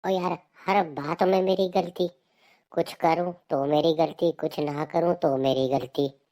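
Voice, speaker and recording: A man's voice: fairly high pitch, steady tone, measured pace, dark tone. A man voicing an exasperated husband who complains about his wife in a comic skit. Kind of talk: comic dialogue.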